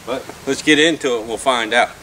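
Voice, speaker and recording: A relaxed man talks through a job outdoors, plain-spoken and unhurried, with plenty of fillers. His voice sits at an ordinary pitch for a man. Steady outdoor noise runs behind him. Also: poor audio. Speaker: beekeeper doing a bee removal. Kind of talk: casual on-site explanation. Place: outdoors beside a house wall.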